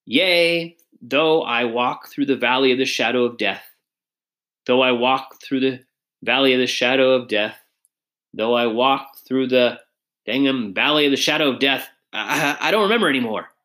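A man's voice: mid-range voice, normal speed, sharp tone, voice pushed up, natural voice. A man voicing a short, shy frontier soldier who talks in an anxious, folksy way.

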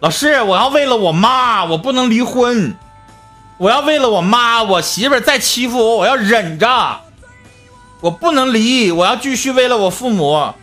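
A man's voice: very high voice, animated, normal speed, bright, forceful tone, soft background music, pitched above the performer's own voice, full character voice. A dutiful, long-suffering grown son, pleading in an earnest, insistent rush, as a man puts him on. His voice sits well above normal speech and presses every phrase.

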